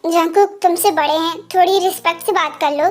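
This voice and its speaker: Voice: very high-pitched, steady tone, brisk, pitched below the performer's own voice. A performer in an amateur Hindi fan dub voices a young wife who pleads with and explains herself to her angry husband. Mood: hurt, defensive.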